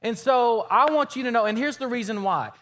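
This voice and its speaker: Man, 30s, youth pastor, high-pitched and pumped, addressing a teen crowd. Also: brisk. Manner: energetic, hyped, teasing.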